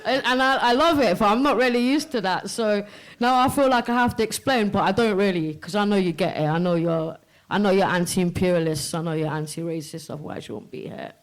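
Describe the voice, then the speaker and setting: A woman's voice: medium pitch, a little fast, poor audio. A woman poet from Kashmir, a guest at a live event before an audience, talking candidly and bluntly and swearing freely. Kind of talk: candid live stage chat.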